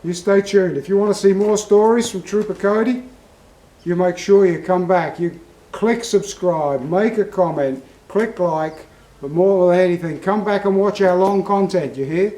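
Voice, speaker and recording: A man's voice: sits high, moderate pace, mellow, roomy sound, poor audio. An Australian man hosting a vlog, telling a story in a folksy, heartfelt way. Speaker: vlog host. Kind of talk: casual storytelling.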